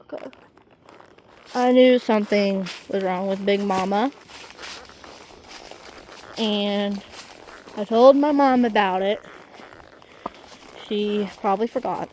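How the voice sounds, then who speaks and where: A young woman vlogging outdoors while riding a horse, telling an emotional story in a halting way with many restarts. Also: mid-range voice, darkish tone, a little hiss or hum, low-quality recording.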